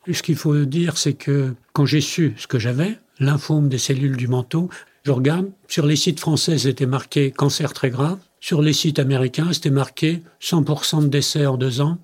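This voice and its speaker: A man's voice: medium pitch, darkish tone, husky. An older man, a company president interviewed as a guest, tells personal stories in conversation and acts out the dialogue he quotes.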